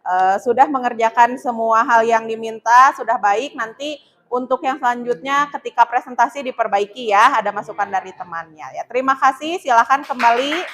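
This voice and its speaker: A woman teacher giving feedback to a student group in a classroom, talking hesitantly with many pauses. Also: fairly high pitch, a bit bright.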